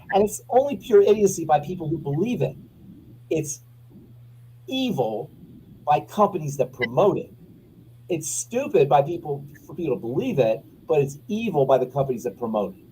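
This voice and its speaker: A man's voice: on the high side, a little mellow, slight background noise, low-quality recording. Blunt, opinionated pharmacist man. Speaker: pharmacist guest. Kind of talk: casual radio show chat.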